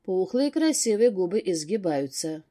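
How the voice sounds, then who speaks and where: A woman narrating a first-person novel as an audiobook, in an even, steady storytelling manner. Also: mid-range voice, normal speed.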